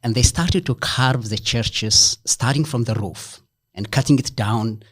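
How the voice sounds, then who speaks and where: A man from Ethiopia, a senior lecturer interviewed as a guest, speaking thoughtfully and haltingly with many fillers. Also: mid-range voice.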